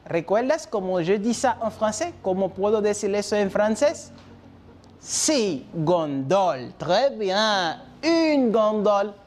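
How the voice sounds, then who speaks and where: On a TV French lesson, a high-voiced man drills vocabulary, going back and forth between French and Spanish. His slow delivery has a lively, up-and-down melody, and he offers encouraging praise after each answer.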